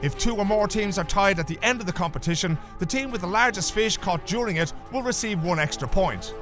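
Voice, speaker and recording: High-voiced male show narrator. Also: animated, fairly quick, music in the background. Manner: announcer-like, emphatic introductions. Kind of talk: scripted narration.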